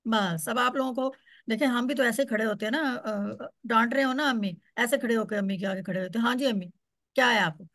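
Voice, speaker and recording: Woman teacher with a high voice, patient, repeats stuff to drill it in, dry close sound. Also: brisk, fairly bright tone, dry recording. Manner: patient, explains step by step, repeats words to drill. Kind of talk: online Quran Arabic class.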